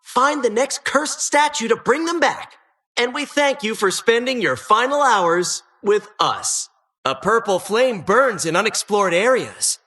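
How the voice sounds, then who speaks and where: A video game dungeon host, female and gleefully sinister, teases in a bright, forceful voice that leaps up and down. Her fairly high, animated delivery keeps a measured pace, and each line carries theatrical, mock-welcoming polish with a sardonic edge, playful and taunting.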